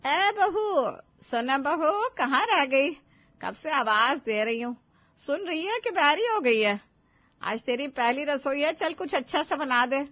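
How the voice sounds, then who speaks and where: A woman voicing a loud, bossy older mother-in-law who scolds in shrill outbursts, on a dull, dry recording. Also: moderate pace, few pauses, no room sound, close to an everyday voice. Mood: scolding.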